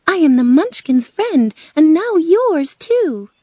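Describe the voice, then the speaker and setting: A little old good witch from a storybook, put on by a woman reader, kindly and cheerful. The voice is very high and swoops around freely, with a gracious, reassuring manner. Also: sing-song, takes it slowly, dark tone, no echo, exaggerated voice. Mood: kindly, explaining. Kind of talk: storybook character voice.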